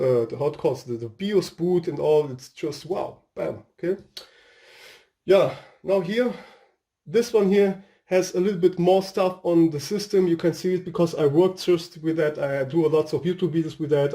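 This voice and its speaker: A man's voice: fairly high pitch, warm tone. A man from Portugal with a Portuguese accent and Portuguese as his first language, giving a casual, rambling tech review at home while he searches for words. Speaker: tech video host. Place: home room with a fireplace.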